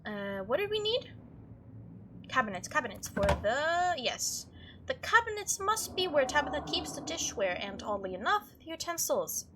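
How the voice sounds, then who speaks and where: A woman hosts a let's play, chatting and reacting aloud while reading a visual novel's text, mixing gaming commentary with the reading. Her voice is high-pitched and sing-song at a moderate pace, with a noisy background.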